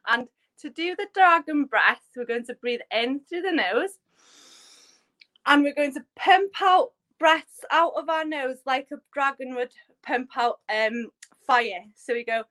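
Welsh woman, yoga teacher on a live stream. Slow, gentle, bright voice, lots of fillers. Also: high-pitched. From Wales. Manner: gentle, unhurried, with frequent fillers. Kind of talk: relaxed live-stream lesson.

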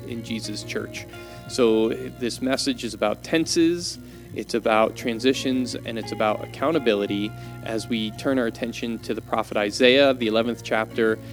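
A man, a pastor, introducing his church's sermon podcast in a relaxed, conversational way with fillers. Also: medium pitch.

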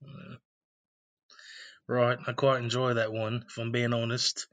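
A man's voice: mid-range voice, completely flat delivery, normal speed, a bit bright. A man from Kentucky co-hosting a casual podcast chat, playfully talking in a put-on English accent. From Louisville, Kentucky, US. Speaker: podcast co-host.

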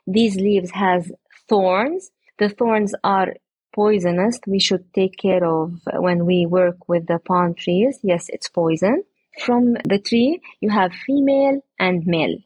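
A woman's voice: medium pitch, darkish tone, husky, dry recording. A woman, interviewed about growing date palms, explaining earnestly and step by step with frequent hesitations. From Palestine. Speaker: interviewee, date palm grower. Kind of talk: explanatory conversation.

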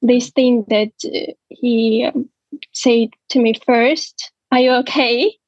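Young ukrainian woman, slow halting talk, highish voice, dry muffled sound. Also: steady tone, darkish tone, husky, dry recording. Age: 20s. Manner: slow, halting, many pauses and fillers. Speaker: guest. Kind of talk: interview testimony.

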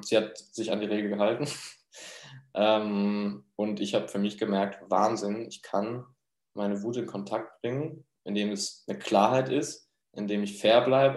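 A man telling a personal story in a casual, chatty way, laughing often and filling pauses with little filler sounds. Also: fairly low pitch, darkish tone. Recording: roomy echo.

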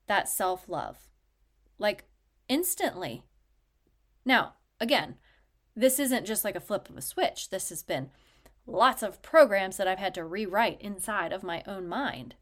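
Earnest woman telling a personal story. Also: medium pitch. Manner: earnest, emotional, many fillers and restarts. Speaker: podcast host.

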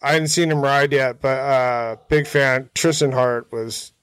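A man's voice: mid-range voice, steady tone, measured pace, a bit bright, smooth, dry recording. A man, chatting in a laid-back, slangy, hesitant way as an interview guest. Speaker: interview guest, motorcycle hill climb rider. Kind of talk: casual chat, telling racing stories. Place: outdoors in a backyard.

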